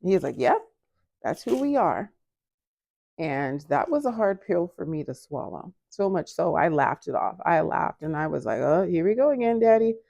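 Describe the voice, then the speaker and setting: A woman in a home kitchen telling a story while baking, talking casually to the camera in front of her, lively, acting out quoted voices with jumps in pitch. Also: normal speed, gravelly, no echo. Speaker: vlogger.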